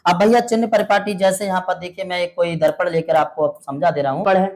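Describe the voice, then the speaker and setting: A male science teacher giving a classroom lecture. He repeats each rule slowly, keeps asking the students quiz-like questions and calls them "beta" and "mere bhai". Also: high voice, steady tone, a little mellow.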